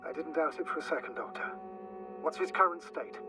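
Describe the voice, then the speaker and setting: A man playing a steady mission operator. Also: on the high side, lightly acted, poor audio. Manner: measured, instructive, thinks aloud. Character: steady male mission operator guiding a teammate. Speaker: remote mission operator on the radio. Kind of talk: video game voice acting. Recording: game audio with music under.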